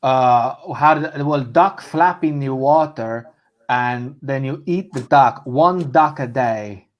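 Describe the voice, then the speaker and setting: A man playing a hesitant, dim nutritionist in improvised comedy, deadpan and speaking halting broken English. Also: mid-range voice, dull audio, natural voice. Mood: halting, solemn. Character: hesitant, dim nutritionist promoting an absurd diet.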